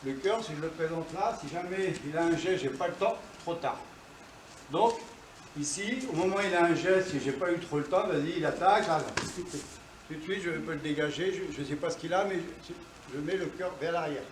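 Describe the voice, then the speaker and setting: A man leads a self-defense class in a dojo, explaining each move as he shows it and marking strikes with quick sound words. His voice sits a little high and carries around a roomy hall, picked up from some distance. A faint class ambience stays in the background. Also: slight background noise. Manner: explains while demonstrating moves, punchy sound words. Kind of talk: live class demonstration. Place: dojo, indoors.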